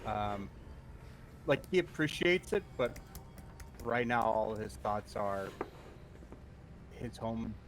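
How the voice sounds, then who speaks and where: Slow-talking low-voiced man at a tabletop game. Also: a little hiss or hum. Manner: describes his character's feelings thoughtfully. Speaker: player.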